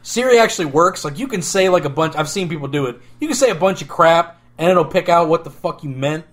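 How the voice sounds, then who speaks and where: A man's voice: fairly high pitch, animated, quick pace, fairly bright tone. Laughing, rambling podcast man. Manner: laughing often, rambling with restarts. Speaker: podcast co-host. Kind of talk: casual chat about games and movies.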